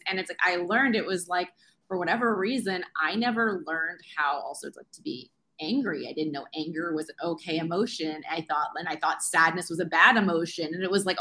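Bright, chatty woman in her thirties. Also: lowish voice. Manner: chatty, uses "like" constantly, earnest. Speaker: guest, science teacher. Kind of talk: candid interview talk.

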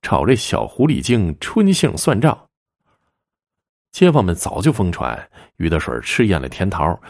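A man narrating a spooky folk tale in a lively, drawling storytelling manner. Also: medium pitch, gravelly, husky.

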